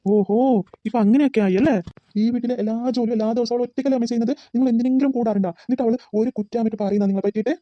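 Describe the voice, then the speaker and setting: A woman's voice: a little high, fairly even intonation, no room sound, natural voice. A woman voicing an earnest grown son in a cartoon, pleading and arguing with his mother. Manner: rapid, pleading argument. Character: adult son, earnest and pleading, defends sick wife. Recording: dull lo-fi recording.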